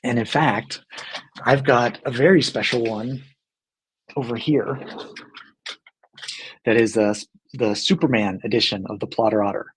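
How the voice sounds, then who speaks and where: A man's voice: mid-range voice, a little slow, long pauses, husky. A man talking casually to the camera in an earnest, friendly way, with many fillers and restarts. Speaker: company team member hosting a video segment.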